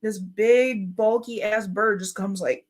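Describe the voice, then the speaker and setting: Mujer animada contando anécdotas. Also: female voice, medium pitch, takes it slowly. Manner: animated, profane, laughing storyteller. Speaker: talk show participant. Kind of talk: casual chat, storytelling.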